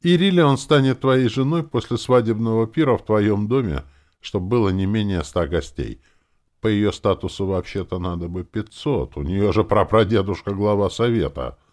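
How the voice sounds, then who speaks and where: A man voicing a young female elf shopkeeper who chatters in a brisk, businesslike way, in a fantasy audiobook. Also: on the low side, a little mellow, pitched above the performer's own voice, natural voice. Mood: explaining.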